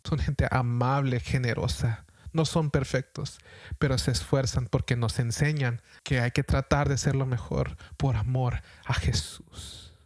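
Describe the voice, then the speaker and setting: Man, middle-aged, pastor, earnest exhortation, mid-pitched voice, dry close sound. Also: steady tone, measured pace, darkish tone, dry recording. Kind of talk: podcast sermon.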